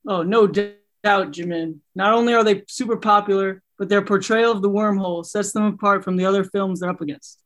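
A man plays an eager, high-voiced guest who gets excited about his favorite films. He delivers his scripted lines plainly. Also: a little fast, hardly any pauses. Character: eager male fan scholar guest.

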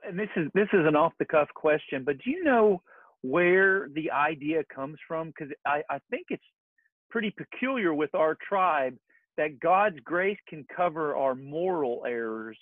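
A man interviewing a guest over a tinny phone connection. His voice sits a little high and moves around a lot as he questions. The sound is dry and narrow. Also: lively intonation, measured pace, dry recording.

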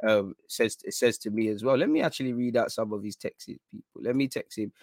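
A man's voice: fairly low pitch, a little fast, darkish tone, no room sound, studio quality. A man with an urban London roadman accent and slangy delivery, chatting casually about football to his audience. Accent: London, urban street slang. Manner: slangy roadman-style talk, addressing listeners as bro and man. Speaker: football fan content creator.

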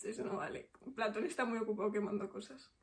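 A woman's voice: medium pitch, fairly even intonation, quick pace. A young woman, co-hosting a casual podcast chat, joking and laughing often. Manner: playful, laughs often, imaginative riffing. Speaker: podcast co-host.

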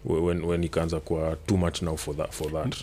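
A man's voice: extremely low pitch, little pitch movement, fairly quick, mellow. A man with a Kenyan accent talking casually, switching between slang and English and repeating words for emphasis. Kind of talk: casual chat mixing Swahili slang and English.

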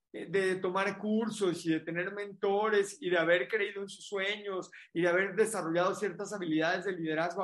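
A man from Mexico with a Mexican Spanish accent, a motivational speaker telling an animated, emphatic story in a casual interview. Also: high-pitched, reverberant.

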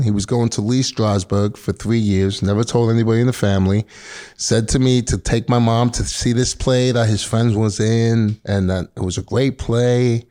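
A firefighter and actor in his early fifties chats casually as an interview guest, speaking with a Queens, New York accent. His voice is on the low side with a dark tone.

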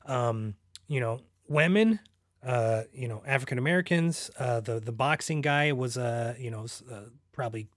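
A man's voice: medium pitch, moderate pace, dry recording, studio quality. A man chatting about a film, searching for words with lots of ums and restarts. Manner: hesitant, many ums and restarts. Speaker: podcast co-host. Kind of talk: casual film discussion.

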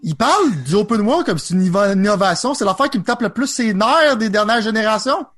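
A man's voice: high voice, expressive, fairly quick, fairly bright tone, faint music behind. A man with a Quebec French accent co-hosting a casual gaming chat, skeptical and teasing, playing devil's advocate. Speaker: podcast co-host.

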